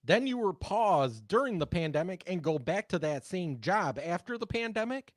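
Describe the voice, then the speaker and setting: Swapping stories and easy chat, this talk radio co-host, who once worked in TV news, sounds high-voiced and very animated at a normal pace. The recording is dry and studio-clean.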